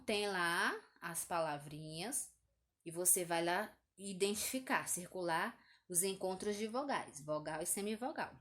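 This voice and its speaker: A primary school teacher with a Brazilian Portuguese accent speaks in a mid-range, fairly bright voice while slowly and patiently reviewing a test in a video lesson for young pupils. She uses diminutives and checks in often with "tá?"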